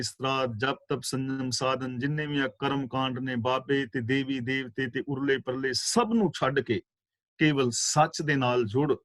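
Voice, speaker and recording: A man giving a scripture class, reciting verses slowly and explaining their pronunciation and meaning, with fervent rhetorical questions. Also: mid-range voice, fairly bright tone, dry recording. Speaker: katha preacher. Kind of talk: scripture exposition.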